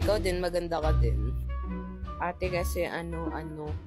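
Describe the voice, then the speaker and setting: A man with a voice that sounds like a woman's, reading viewer comments aloud in casual chat and answering them with playful, teasing quips. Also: on the high side. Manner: playful, teasing, quick deadpan replies. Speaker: gaming content creator. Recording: clear background music. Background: music playing under the voice.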